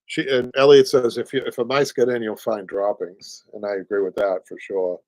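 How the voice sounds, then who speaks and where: A man's voice: lowish voice, flat delivery, moderate pace, a little mellow, dry recording, poor audio. An older man with a Boston accent, hosting a casual live show and chatting while he reads out viewer comments. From Boston area, USA. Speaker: host, upholsterer. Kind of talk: casual live-stream chat.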